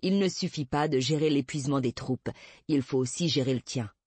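A woman voicing a wry, steady male police detective, read in a dry, calm, patient manner. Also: very deep voice, brisk, breathy edge, dry recording.

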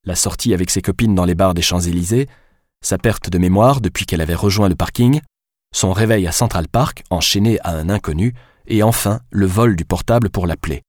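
A man reading an audiobook in a steady, measured narrating voice. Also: sits low, no room sound, clean studio sound. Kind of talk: scripted narration.

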